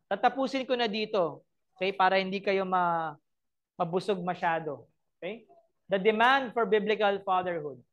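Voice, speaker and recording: A woman's voice: mid-range voice, lo-fi sound. A woman with a Filipino accent preaching a sermon, mixing Tagalog and English and asking her listeners rhetorical questions. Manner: switches between Tagalog and English, asks the congregation rhetorical questions; emphatic, acts out short everyday scenes.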